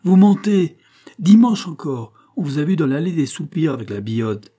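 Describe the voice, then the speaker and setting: A man's voice: medium pitch, animated, moderate pace, pitched above the performer's own voice, natural voice. A man voicing an old spinster aunt, pious and suspicious, who scolds and accuses her nephew in a storybook reading. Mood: furious. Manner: sharp, accusing, sermonizing.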